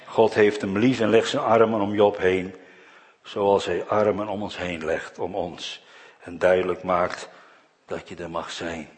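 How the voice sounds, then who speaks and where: A man delivers a sermon in a low, deep voice. He speaks with earnest conviction, and his phrase endings fall away softly. A long church reverb trails behind every line. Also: fairly even intonation, unhurried. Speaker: preacher.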